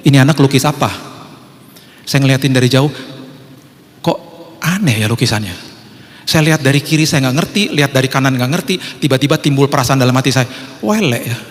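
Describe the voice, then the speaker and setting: A man preaching a storytelling sermon as pastor in a church, lively and humorous, acting out the people in his story. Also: fairly high pitch. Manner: lively and humorous, acts out voices. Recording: echoey church hall.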